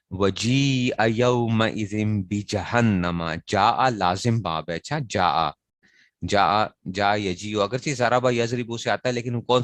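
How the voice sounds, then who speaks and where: In this classroom lecture, a male teacher with a low voice and a fairly bright tone teaches grammar, captured dry without any room sound. He slowly chants verb conjugations, echoes important phrases, and raises rhetorical questions only to answer them.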